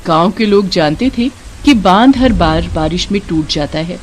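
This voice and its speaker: Expressive woman telling devotional stories. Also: lowish voice, moderate pace, slight background noise. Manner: expressive, dramatic. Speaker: storyteller. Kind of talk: devotional story narration.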